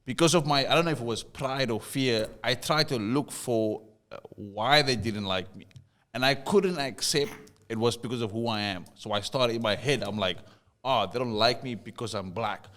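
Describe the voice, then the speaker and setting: Medium-pitched, fairly bright and moderately paced, a South African man co-hosts a casual podcast conversation. He tells a story, often repeating words as he starts a thought.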